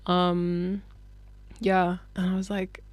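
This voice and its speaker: A woman's voice: lowish voice, completely flat delivery, slow, no echo. A young British woman, a musician guest, answering interview questions in a laid-back, hesitant way with lots of fillers.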